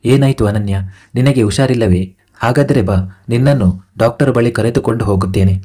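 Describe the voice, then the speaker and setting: A man voicing a caring, protective young husband from a storybook, asking softly and with concern. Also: mid-range voice, moderate pace, slightly rough, natural voice.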